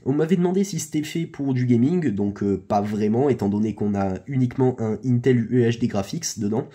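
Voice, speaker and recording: A man's voice: medium pitch, a little fast, mellow, husky. A man giving a casual laptop review, talking informally with many hesitations, fillers and restarts, and the odd joke. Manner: chatty, informal, joking. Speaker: tech reviewer.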